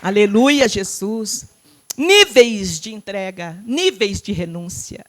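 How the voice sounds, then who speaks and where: A middle-aged Brazilian woman pastor preaching with fervor from a church pulpit. Her delivery surges into loud, impassioned cries, then drops to hushed, tender tones. She sometimes breaks into speaking in tongues. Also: medium pitch, expressive, slow pace, some chatter behind. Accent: Brazilian Portuguese. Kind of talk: fervent Pentecostal sermon. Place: church sanctuary.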